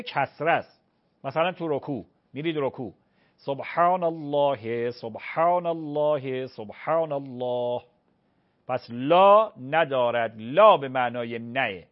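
A man who is a cleric answering callers' religious questions on a call-in show, speaking slowly and deliberately and repeating phrases to teach them. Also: a little high, lo-fi sound.

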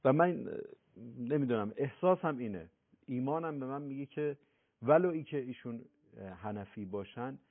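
A man's voice: mid-range voice, animated. A man hosting a religious talk show, speaking politely and deferentially with frequent hesitations. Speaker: host. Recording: thin phone-like broadcast sound.

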